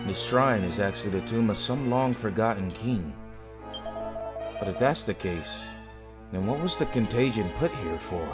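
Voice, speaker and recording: A man's voice: lowish voice, animated, moderate pace, over music, close to an everyday voice. A man voicing a self-important male explorer who talks in pompous, formal phrasing.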